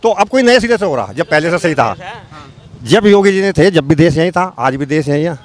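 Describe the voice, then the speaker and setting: A member of the public argues heatedly in a street interview, repeating himself and challenging the other person. His voice is fairly high and expressive, at a moderate pace.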